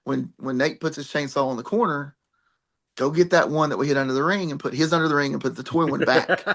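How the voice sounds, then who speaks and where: A man's voice: on the high side, quick pace, gravelly, a bit bright. A middle-aged man, a pro wrestler and trainer, telling rambling, laughing stories in a podcast interview and swearing now and then. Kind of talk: animated storytelling in a podcast interview.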